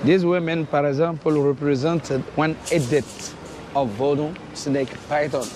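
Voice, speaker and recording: Higher-voiced Beninese man guiding a tour. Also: fairly even intonation, background noise. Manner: halting non-native English with simple phrasing. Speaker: temple tour guide. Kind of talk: explanatory guided tour. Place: outdoors in a temple courtyard. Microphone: clip-on lavalier.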